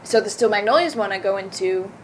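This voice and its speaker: A woman's voice: mid-range voice, quick pace, slight background noise, low-quality recording. Chatty young Southern woman. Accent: Southern American. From American South. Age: young adult. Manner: chatty, self-correcting, laughs easily. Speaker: actor. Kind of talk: casual interview.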